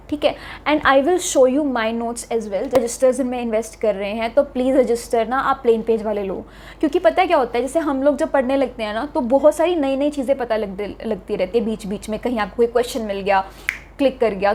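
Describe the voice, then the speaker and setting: A woman's voice: a little high, a little mellow. Chatty Indian woman giving study tips. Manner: chatty, keeps saying "theek hai", mixes Hindi and English. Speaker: exam prep tutor. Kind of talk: casual study-advice talk.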